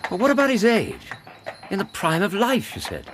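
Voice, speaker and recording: Watson, very expressive English doctor, noisy recording. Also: male voice, sits high, moderate pace. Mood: puzzled, admiring. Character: loyal, admiring, puzzled Victorian gentleman doctor. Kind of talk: radio drama acting.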